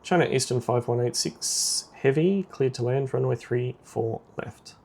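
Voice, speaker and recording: A man plays air traffic controller in a simulator game, issuing clipped, procedural radio commands in a creaky voice. He is medium-pitched, a little slow, and a little mellow.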